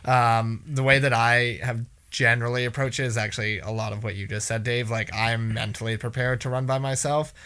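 A man's voice: medium pitch, steady tone, fairly quick, few pauses, sharp tone, clean tone. A man co-hosting a running podcast, talking in a loose, rambling way with lots of fillers and some casual swearing. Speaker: podcast co-host. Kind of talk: casual chat.

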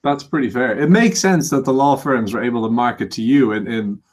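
A man's voice: medium pitch, brisk. A man hosting a podcast and putting casual questions to guests. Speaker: podcast host, interviewer. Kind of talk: casual interview.

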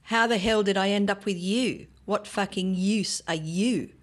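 A woman reading the lines of a cold, contemptuous controlling husband in a scripted story, her tone cutting and quietly scornful. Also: medium pitch, unhurried, close to an everyday voice.

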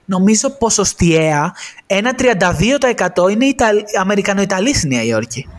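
A man's voice: high voice, very animated. A man co-hosting a podcast, chatting casually and eagerly, mixing in English phrases. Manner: enthusiastic, tosses in English phrases. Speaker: podcast co-host. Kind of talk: casual chat.

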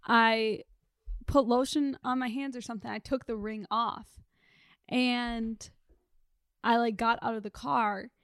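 A woman's voice: fairly high pitch, steady tone, a little slow, pauses often, fairly bright tone, clear, resonant tone, no room sound, clean studio sound. A young woman in her twenties chatting casually as co-host, telling a personal story with many fillers. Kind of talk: casual chat.

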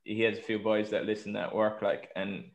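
A man's voice: lowish voice, level tone, normal speed, gravelly. A man with an Irish accent hosting a podcast in casual, colloquial chat with plenty of swearing. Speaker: podcast host.

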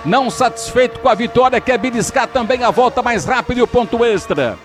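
A Brazilian man with a very high-pitched voice commentates motorsport live. His delivery is excited and dramatic, stretching out exclamations as the race unfolds. Music plays behind the radio broadcast. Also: fairly quick.

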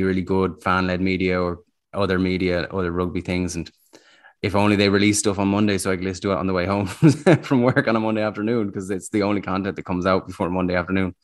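An Irish-accented man chatting casually as a sports podcast panellist, opinionated and grumbling. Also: low-pitched. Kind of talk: casual chat.

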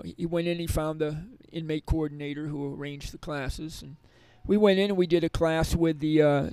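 A middle-aged man telling long, rambling stories about teaching in prisons. His voice is gravelly and sits a little high, and he keeps restarting his sentences. The recording is dry and close, with no room echo. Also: warm tone. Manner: rambling, with many restarts and fillers. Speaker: prison yoga and meditation teacher. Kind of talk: conversational storytelling interview.

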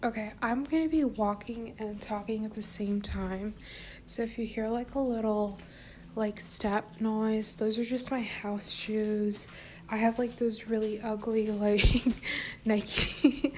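A woman's voice: a little high, slight background noise. A woman hosting her own podcast at home, chatting casually in a playful, giggly, self-mocking way while walking around the house. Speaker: podcast host. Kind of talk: casual solo podcast chat.

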